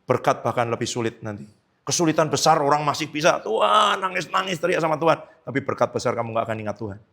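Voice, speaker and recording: A man's voice: mid-range voice, fast, a bit bright. A middle-aged man preaching a sermon as pastor, conversational, acting out quoted dialogue and using tag questions.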